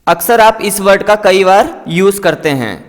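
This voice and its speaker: A man's voice: sits high, lively intonation, normal speed, long reverb tail. A man teaching English vocabulary, saying each word and its meaning twice in a patient, explanatory drill. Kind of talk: slow vocabulary drill lesson.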